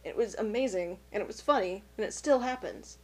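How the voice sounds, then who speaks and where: A woman's voice: mid-range voice, a little fast, a little mellow, breathy edge. A woman hosting a casual podcast chat, making dry, wry asides. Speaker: podcast host.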